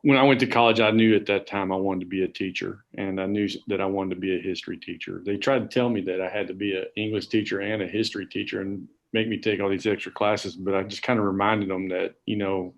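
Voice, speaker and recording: A man's voice: deep voice, steady tone, fast talker, gravelly, hardly any pauses, muffled recording. A man in his forties, an assistant principal, telling rambling, self-deprecating stories on a casual podcast with plenty of fillers. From Garland, Texas.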